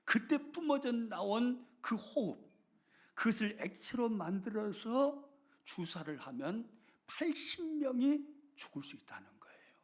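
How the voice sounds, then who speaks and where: A middle-aged male pastor, preaching a sermon with dramatic swings between loud emphasis and hushed whispers. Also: extremely high pitch, big pitch swings, measured pace.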